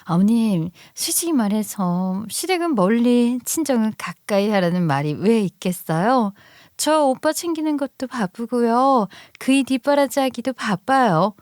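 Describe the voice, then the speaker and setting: A woman's voice: a little high, lively intonation, unhurried, a little mellow, dry recording, clean studio sound. A woman voicing a brusque, condescending young married woman in acted story dialogue. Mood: curt. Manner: brusque, dismissive, brags about herself.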